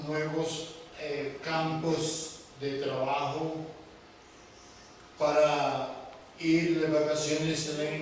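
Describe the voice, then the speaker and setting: Slow, emphatic man preaching in echoey hall. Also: on the high side. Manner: slow, emphatic preaching with rhetorical questions to the congregation. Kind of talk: sermon. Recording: echoey hall, mic from far off, faint background noise.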